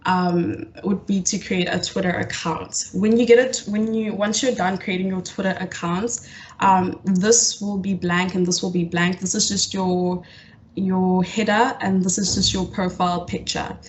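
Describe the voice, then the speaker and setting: A young woman facilitating an online coding workshop over a video call, often pausing with fillers and restarting her sentences. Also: medium pitch, steady tone, a little hiss or hum. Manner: hesitant, lots of fillers and restarts. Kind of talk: live online coding tutorial.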